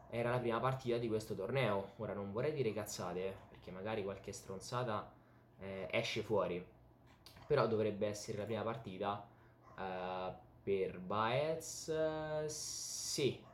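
A young man with an Italian accent giving an excited, emphatic, casual sports recap to camera in a home room. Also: on the low side, unhurried, slight background noise. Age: young adult. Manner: excited, animated, emphatic with repeated words. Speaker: YouTube tennis commentator and host. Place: small home bedroom, indoors. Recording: roomy, echoey home room.

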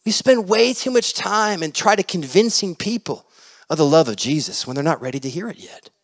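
A male pastor preaching a sermon, telling stories in an animated way that swings between loud and hushed. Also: high voice, a little fast. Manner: animated, shifting loud and soft. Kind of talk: storytelling sermon.

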